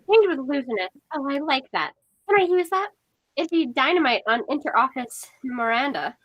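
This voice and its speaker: A woman's voice: high-pitched, expressive, moderate pace, no room sound, lo-fi sound. A woman voicing a snobbish, sarcastic teenage girl in a table read of a screenplay. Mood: snide. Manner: sarcastic, breezy.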